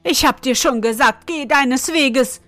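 A furious market mother from a read-aloud fairy tale, put on by a woman narrator. She scolds in a high, raised voice. A faint bed of music plays underneath. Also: takes it slowly, no echo. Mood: angry. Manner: scolding, shrill.

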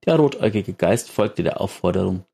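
A man narrating a story aloud in a measured audiobook reading. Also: low voice, lively intonation, vocal fry, warm tone, slightly rough.

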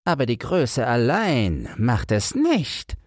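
A man's voice: medium pitch, wildly swooping pitch, slow, dry recording, clean studio sound, voice pushed up, exaggerated voice. A man voicing a pompous, easily offended little male dung beetle in a storybook reading.

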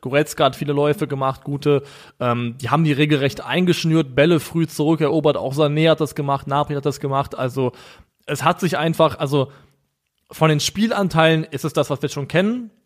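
Ein Mann, der als Co-Host in einem lockeren Podcast ruhig und sachlich Fußballspiele analysiert. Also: male voice, a little high. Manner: measured, analytical. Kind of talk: casual football analysis.

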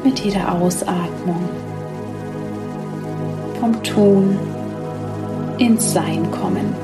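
A woman guiding a sleep meditation like a bedtime sleep story narrator, speaking softly and soothingly with long, slow pauses. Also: fairly low pitch, over loud music. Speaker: podcast host leading a guided sleep meditation.

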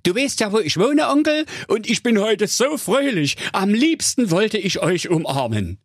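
A beaming young nephew gushes in a high, raspy, gravelly voice, as a man voices him. The sound is dry and close, as in a comic storybook reading. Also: sing-song, normal speed, dry recording, exaggerated voice. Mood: gushing. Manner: bubbly, gushing.

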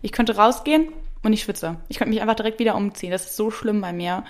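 A woman's voice: medium pitch, quick pace. A woman co-hosting a podcast in casual chat, playful, teasing and chatty. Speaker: podcast co-host.

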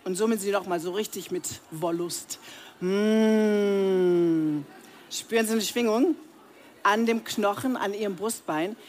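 A woman's voice: on the low side, a little hiss or hum. A woman voice coach speaking directly to a live audience, leading breathing and humming exercises and demonstrating the sounds herself. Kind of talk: live voice training workshop. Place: seminar room with audience.

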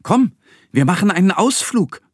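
A kindly little moon man, read by a man in a children's storybook recording. The voice is slow and lively in its melody, a touch husky, close and dry. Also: deep voice, dry recording, exaggerated voice. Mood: friendly. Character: friendly little moon man, helpful guide.

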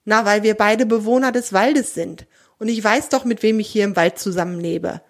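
A woman's voice: medium pitch, normal speed, natural voice. A woman voicing a proud, friendly female wild boar in a children's audio story, speaking with dignity and easy indignation.

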